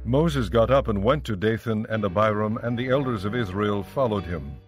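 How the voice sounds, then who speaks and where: A man narrating scripture in an even, measured storytelling manner, with faint music behind. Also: fairly low pitch.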